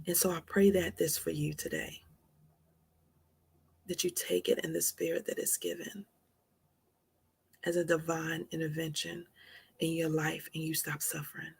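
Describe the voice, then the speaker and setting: A woman's voice: sits low, level tone, moderate pace, creaky, pauses often, slightly rough. A woman in her forties hosting a live stream, giving a heartfelt motivational talk with earnest, repeated, preacher-like emphasis. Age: 40s.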